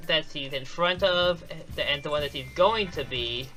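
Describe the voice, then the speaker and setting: With game music underneath, a man with a slightly high voice commentates his speedrun live at a moderate pace. He casually explains every step, frequently backing up to restart or fix what he said, and lets out light chuckles.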